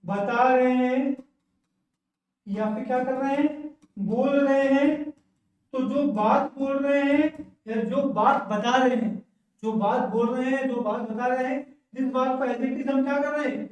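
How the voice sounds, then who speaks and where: At the board, a man teaching English keeps firing questions at his class and saying "okay" to check on them, speaking at a measured pace in a very high voice. The room echoes heavily and the microphone sits at a distance.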